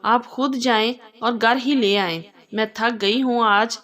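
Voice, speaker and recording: Sweet teasing young wife from a storybook reading, a woman voices her, a little high-pitched. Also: steady tone, slow, a bit bright. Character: cheeky loving young wife.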